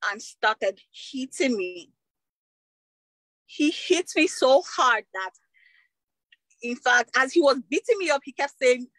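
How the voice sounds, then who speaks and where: A woman's voice: a little high, fairly bright tone, no room sound, poor audio. Emotional Nigerian woman telling her story. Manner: emotional, tag questions like "you get". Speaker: interview guest. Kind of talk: recounting a personal story in an interview.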